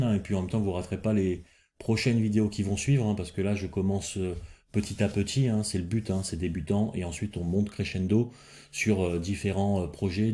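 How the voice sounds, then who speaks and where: A man's voice: fairly low pitch, dark tone. A man hosting a casual coding lesson, thinking aloud as he works, with frequent fillers and restarts. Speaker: programming tutorial host.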